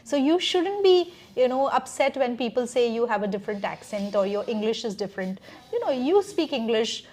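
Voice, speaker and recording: Woman, podcast host, casual chat, laughs easily, slightly high pitch. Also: lively intonation, normal speed, a little mellow. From India. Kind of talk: casual conversation.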